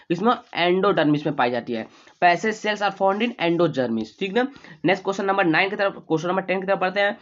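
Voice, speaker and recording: Fast-talking male exam tutor, dull audio. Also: high voice. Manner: rapid, repetitive, keeps asking and answering his own questions; reads English questions slowly, then explains in Hindi. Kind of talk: fast exam revision lecture.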